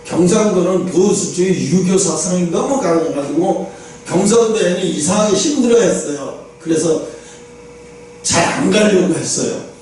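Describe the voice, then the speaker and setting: High-voiced pastor preaching in an echoey hall. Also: male voice, normal speed, darkish tone. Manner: conversational preaching with rhetorical questions. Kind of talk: sermon. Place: church sanctuary. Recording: echoey church hall from far off, faint noise.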